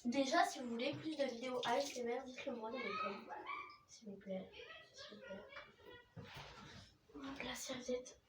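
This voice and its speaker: A woman's voice: sits high, a little fast, echoey room, very noisy. A young woman chatting casually while trying skincare products, rambling, humming and singing bits. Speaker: beauty vlogger. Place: small room with a dark curtain.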